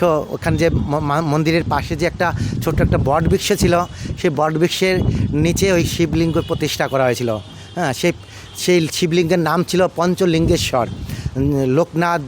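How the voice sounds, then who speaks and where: A man from India, a monk, tells his story in a relaxed, rambling way, circling back over the same points and pausing on fillers. His voice sits a little high for a man. A faint hum of noise and passing vehicles runs underneath. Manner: unhurried, repetitive, with many fillers and restarts. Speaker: ISKCON monk recounting his past. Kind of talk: casual storytelling talk.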